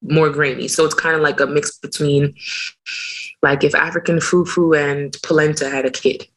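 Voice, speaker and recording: Low-voiced woman in casual chat. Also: normal speed, low-quality recording. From Barbados heritage, raised in America. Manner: animated, opinionated storytelling. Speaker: podcast co-host.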